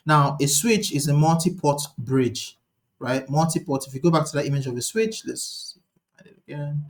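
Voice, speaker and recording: A fast-talking man leads a live online lecture in a slightly higher-pitched voice. He thinks aloud as he goes and often restarts his sentences. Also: a little mellow. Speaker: instructor.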